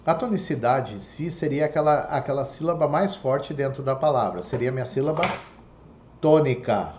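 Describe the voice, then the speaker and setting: With lively intonation and a moderate pace, a man explains a Portuguese lesson online step by step, repeatedly asking "tá?" and "ok?" to confirm his students follow. His voice is mid-range and a little mellow, recorded in an echoey room with faint background noise.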